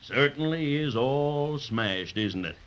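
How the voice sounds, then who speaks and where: Casting: jolly old Santa, slow, lively, bright, chuckling; dull 1930s radio sound. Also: male voice, mid-range voice. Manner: warm chuckling, slow and coaxing. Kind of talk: 1930s radio drama acting.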